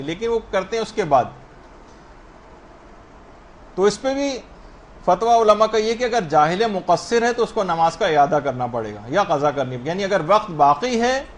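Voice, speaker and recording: High-voiced man teaching prayer rules. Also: slight background noise. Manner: explanatory, asks and answers questions himself; spells out correct pronunciation slowly. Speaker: religious teacher. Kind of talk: religious lesson on prayer rulings.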